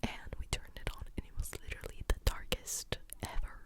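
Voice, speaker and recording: A young adult woman whispers a rambling, informal ASMR storytime close to the ear in a breathy, clicky, unvoiced whisper with a mildly exasperated manner. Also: a little fast. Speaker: ASMR creator telling stories. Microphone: close ASMR stereo mic at the ear.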